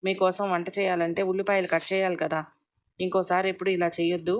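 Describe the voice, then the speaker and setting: Polite, firm young housewife in a storybook, as a woman reads her; low, even voice. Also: fast, close to an everyday voice. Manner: polite, firm when scolding. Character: caring young mother and daughter-in-law, firm.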